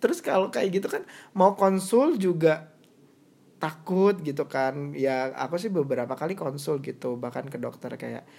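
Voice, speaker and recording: A young woman speaks in a relaxed, reflective chat, switching often between two languages. Her voice sits low and has a gravelly fry. She talks things through slowly and thoughtfully. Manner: reflective, mixes English into Indonesian. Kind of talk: casual chat.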